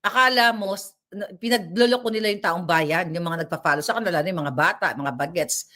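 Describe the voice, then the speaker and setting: A woman doing a casual ranting commentary vlog. She is animated, keeps seeking agreement from her viewers and laughs between remarks. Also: on the low side, fairly quick. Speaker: commentary vlogger.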